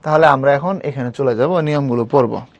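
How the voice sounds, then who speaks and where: A man's voice: medium pitch, brisk, no room sound, dull audio. A young man teaching an online spelling class, casual and coaxing, often checking whether students understand. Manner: colloquial, coaxing, keeps asking students if it is clear.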